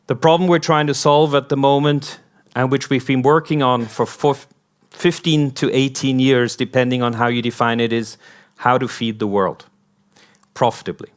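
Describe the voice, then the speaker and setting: A Hong Kong-born company founder with an American accent gives a conference speech, his mid-range voice holding a steady tone. He speaks slowly and rhetorically, stacking up one "what if" question after another.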